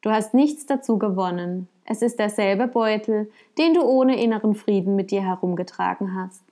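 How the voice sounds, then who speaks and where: A woman voicing a wise old male sage who speaks calmly and matter-of-factly in a told story. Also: mid-range voice, moderate pace, natural voice.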